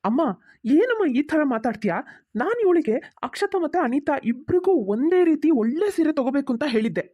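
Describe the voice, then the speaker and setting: A fair-minded grown son in a cartoon, voiced by a woman, who presses for answers in a firm, quick way. The voice sits high and the pace is fast. The sound is dry. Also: big pitch swings, dark tone, dry recording.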